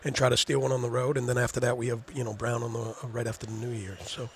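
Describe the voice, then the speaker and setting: A middle-aged man who works as an assistant basketball coach rambles through a postgame interview over a headset mic, frequently repeating words as he gathers his thoughts. Speaking fast and flat in a creaky, medium-pitched voice, he sits on an indoor studio set in a gym, with slight background noise.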